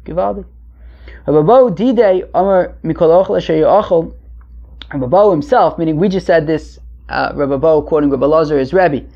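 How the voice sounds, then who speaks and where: Male teacher, conversational and halting, gravelly voice, explaining religious text; dull lo-fi sound. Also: a little high, a little mellow. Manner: conversational, halting, asking and answering his own questions. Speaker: Talmud teacher. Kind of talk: informal Talmud lesson, translating as he goes. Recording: muffled lo-fi recording.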